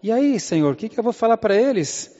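A man's voice: sits high, big pitch swings, a little fast, dark tone, voice pushed up. A preacher acting out Moses as a timid, self-doubting man who pleads and stammers. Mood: pleading. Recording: echoey hall, dull lo-fi sound.

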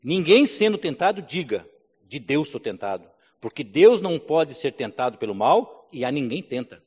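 A man's voice: a little high, big pitch swings, moderate pace, a little mellow, breathy edge. A male pastor preaching a sermon, building to emphatic declarations and calling for amens. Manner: preaching with rising emphasis, calls of amen. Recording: dull sound with long hall reverb.

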